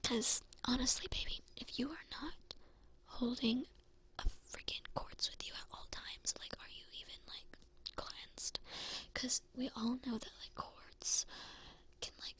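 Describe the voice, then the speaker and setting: A woman whispers quickly in an ASMR role-play as a flaky, self-assured psychic. Her voice sits fairly high with a creaky edge. She rambles breezily and informally through the whispered role-play. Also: steady tone, fairly bright tone. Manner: rambling, breezy, informal filler-heavy talk. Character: flaky, self-assured female psychic giving a cleansing session.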